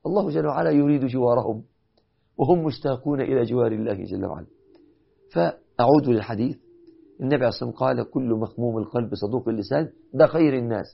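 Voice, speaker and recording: A man's voice: mid-range voice, very fast, creaky, breathy edge. A man with an Egyptian Arabic accent preaching an impassioned sermon, building to emphatic peaks. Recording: dull lo-fi recording.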